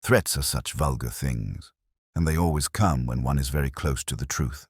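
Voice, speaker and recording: A man voicing a shrewd, genteel elderly spinster sleuth with a gentle, prim, polite manner. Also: extremely low pitch, moderate pace, breathy edge, no echo, studio quality, full character voice.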